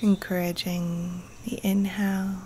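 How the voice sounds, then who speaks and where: Her fairly low, soft and breathy voice, partly whispered, guides listeners through a calm, soothing yoga nidra meditation with long pauses. It's a live recording outdoors in the jungle, with a little hiss or hum and faint birds and insects in the background.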